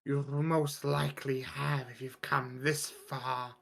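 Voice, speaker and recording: Tabletop orc guard, played by a man: gravelly, slow, blunt, wary and indifferent. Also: medium pitch, little pitch movement, fairly bright tone, full character voice. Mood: wary, resigned.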